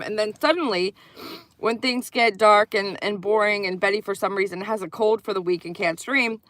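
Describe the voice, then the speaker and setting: A woman's voice: mid-range voice, fairly bright tone, no echo. A woman hosting a casual livestream commentary, rambling with lots of fillers and restarts, blunt and sometimes swearing. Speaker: channel host.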